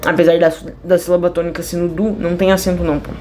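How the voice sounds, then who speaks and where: A woman's voice: lowish voice, little pitch movement, fast, a little mellow, slight background noise. A woman teaching a class in a casual, chatty way, drifting off topic and correcting herself with many fillers. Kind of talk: casual online class explanation.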